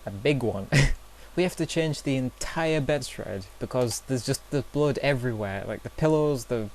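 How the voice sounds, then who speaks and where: A faint hiss underlies the clip as a young man, mid-range and a little mellow at a moderate pace, chats to his camera. His casual storytelling vlog is full of awkward tales, self-deprecation, hedging fillers, and laughter at his own expense.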